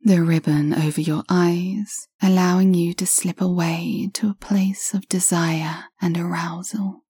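A woman narrating an audio story to the listener in a soft, slow, intimate whisper. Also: fairly low pitch, flat delivery, breathy edge, no room sound, studio quality.

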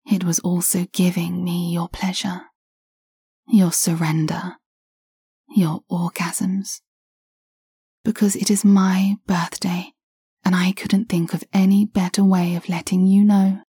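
A woman narrating an audio story to the listener in a soft, slow, intimate whisper. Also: fairly low pitch, little pitch movement, slightly rough, no room sound, clean studio sound.

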